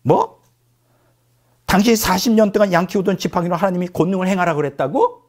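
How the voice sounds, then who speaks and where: A man's voice: normal speed, gravelly, darkish tone, breathy edge, exaggerated voice. A male preacher voicing an exasperated wife who scolds her husband in disbelief. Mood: incredulous. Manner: scolding, incredulous, shrill. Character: exasperated shouting wife, middle-aged woman. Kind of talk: acted quote in a sermon.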